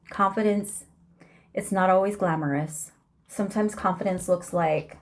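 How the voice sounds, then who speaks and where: A woman talks slowly and deliberately, leaning on each phrase as she gives an encouraging faith-based monologue. Some words sink to a soft near whisper, and her pitch sits in an ordinary middle range. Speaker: vlogger.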